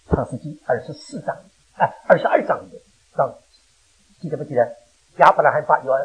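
An older man preaching a sermon with personal testimony. He talks in a husky voice, swinging from loud, emphatic questions down to low, quiet storytelling. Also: rough recording. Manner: animated, rising to loud emphatic questions then dropping low.

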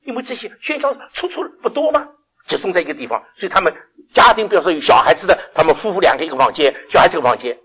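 An older man with a high, slightly rough voice delivers a sermon in an expressive, rapid-fire way. He keeps asking the congregation questions and laughs as he shifts between loud and quiet.

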